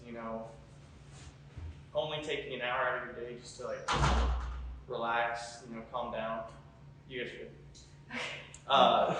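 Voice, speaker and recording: A young man speaks casually as a student interviewee, at a medium pitch. The recording is very echoey and distant from the mic, with faint noise behind him. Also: a bit bright. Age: young adult. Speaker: college student being interviewed.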